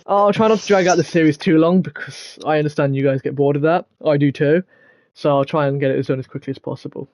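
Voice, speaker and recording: A man's voice: fairly high pitch, steady tone, fast, darkish tone, no echo. A young man hosting a casual gaming let's-play, reading game text aloud and stumbling over words here and there. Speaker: gaming video host.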